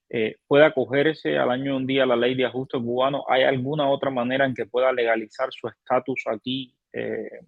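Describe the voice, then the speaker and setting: Gravelly man with a dull, dry sound. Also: medium pitch, no echo. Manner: hesitant, with fillers before questions. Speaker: host. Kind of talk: interviewing, reading viewer questions.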